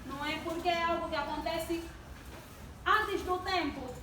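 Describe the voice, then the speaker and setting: A young woman in her twenties with a high, bright voice preaches to a congregation at a measured pace and with a forceful tone, asking questions to get the audience responding. As a church youth speaker, she's recorded from afar in an echoey, noisy hall.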